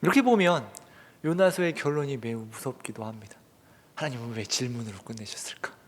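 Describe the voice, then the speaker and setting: A male pastor preaching a sermon earnestly, putting rhetorical questions to the congregation and swinging between loud emphatic bursts and hushed whispers. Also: mid-range voice, fairly quick. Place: church sanctuary. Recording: long church hall reverb.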